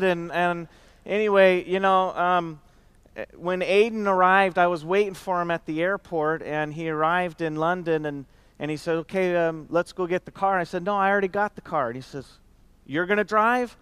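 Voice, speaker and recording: A man speaking to a company gathering in a warm, rambling way, with many fillers and restarts. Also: sits high, steady tone, moderate pace, smooth, no room sound. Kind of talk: conference speech.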